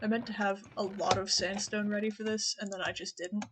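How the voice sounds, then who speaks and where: A woman's voice: mid-range voice, flat delivery, fairly quick, background noise. A woman streamer talking casually to her chat while playing a game, chatty and rambling, often laughing.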